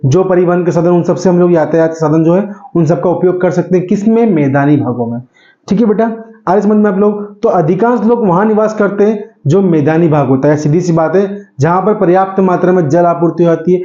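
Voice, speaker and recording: A man's voice: high-pitched, fairly quick, warm tone, reverberant, lo-fi sound. A man teaching an exam-prep lesson, calling his students 'beta', asking a question and answering it himself, and repeating the answers.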